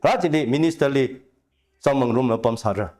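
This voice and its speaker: A man speaking at length as a talk show guest, giving long animated explanations with rising emphasis. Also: medium pitch, quick pace. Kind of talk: conversational discussion.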